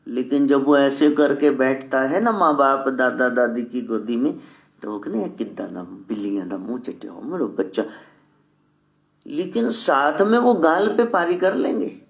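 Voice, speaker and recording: A man's voice: fairly high pitch, highs cut off. A man giving an earnest devotional sermon as a spiritual teacher, breaking into sung mantras. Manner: slow, earnest preaching mixed with sung mantras.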